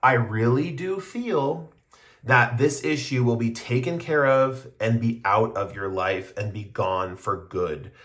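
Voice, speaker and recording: A man's voice: medium pitch, expressive, slow, fairly bright tone. A man doing a casual pick-a-card tarot reading, explaining his cards to viewers in a meandering, conversational way. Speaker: tarot reader.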